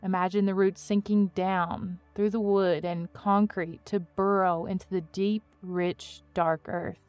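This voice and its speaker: A woman reading a guided meditation as a podcast host, with a gentle, soothing, unhurried delivery and pauses between phrases. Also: medium pitch, little pitch movement, no room sound, soft background music.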